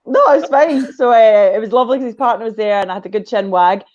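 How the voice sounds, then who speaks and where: A woman's voice: a little high, fast, darkish tone, highs cut off. A Scottish woman chatting as a guest on a video call, telling a long story and drifting off on tangents. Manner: rambling storyteller, goes off on tangents. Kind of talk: casual chat.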